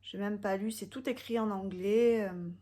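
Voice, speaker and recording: A woman's voice: mid-range voice, fairly even intonation, normal speed, mellow. A young woman from France giving a casual makeup product review, chatty and hesitant with frequent fillers. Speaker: beauty vlogger.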